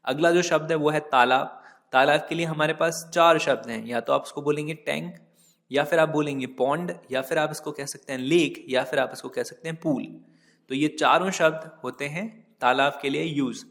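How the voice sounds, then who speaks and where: A man teaching vocabulary from slides, slow and patient, spelling each word out letter by letter and stopping to correct his own typos. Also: fairly high pitch, gravelly, fairly bright tone, long reverb tail. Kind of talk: slide-based vocabulary lesson.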